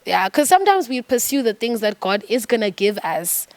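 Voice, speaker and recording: A woman's voice: fairly high pitch, big pitch swings, moderate pace, dry recording. Earnest young South African woman, dry sound. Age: young adult. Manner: earnest, preachy testimony. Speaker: gospel singer guest. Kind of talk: candid podcast interview.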